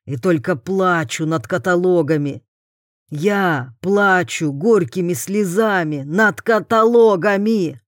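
A woman reading a weak, self-pitying ruined husband who whines, weeps and lashes out, voiced lower than her own voice. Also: slow pace, no echo, studio quality. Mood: aggrieved. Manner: whining, then shrill outbursts.

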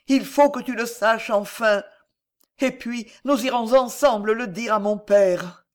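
A man's voice: sits high, slow pace, pitched above the performer's own voice. A man doing a tender, devoted young woman. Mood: tender, fervent.

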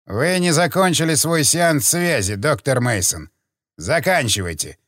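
A man voicing a calm, cold villain posing as a preacher, with an icy, flat, robot-like delivery. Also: a little high, measured pace, dry recording, clean studio sound. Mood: coldly threatening. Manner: calm, impassive, commanding.

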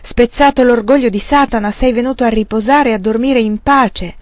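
A woman narrating a classic novel as an audiobook reader, calm and measured. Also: on the high side, no echo.

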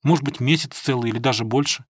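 A man's voice: medium pitch, fast, husky, dry recording, studio quality, natural voice. A man reading an audiobook, voicing an earnest, naive young man who sounds puzzled.

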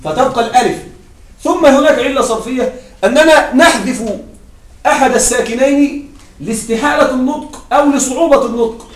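Male grammar teacher with a very high voice, quizzing the class and repeating key points, recorded from a distance in a roomy space. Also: a little fast. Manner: asks the class questions and answers them himself. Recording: echoey room, mic at a distance.

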